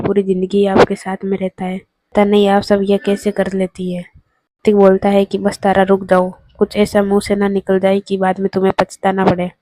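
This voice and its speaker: A woman's voice: medium pitch, warm tone, dry recording. A woman narrating an episode recap of a TV serial, retelling scenes by quoting each character's dialogue in a level tone. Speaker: TV serial reviewer.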